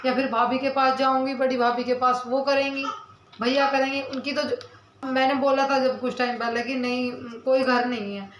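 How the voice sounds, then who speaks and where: A young woman who vlogs about village life talks to camera, earnestly answering viewers' comments and defending herself while her mouth causes her some pain. Her high voice has little pitch movement and a normal speed, in a roomy, low-quality recording.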